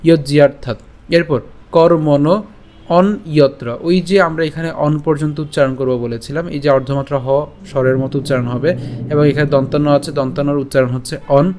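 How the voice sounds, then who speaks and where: A man teaching a scripture class, explaining Sanskrit pronunciation step by step and slowly chanting the verses. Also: mid-range voice, little pitch movement, darkish tone, slight background noise.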